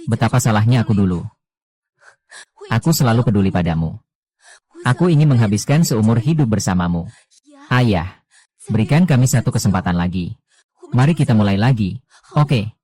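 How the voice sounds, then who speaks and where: A man reading the dialogue of a dubbed drama, voicing every role in one even, low-key delivery. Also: moderate pace, pauses often. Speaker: voice-over reader of a drama.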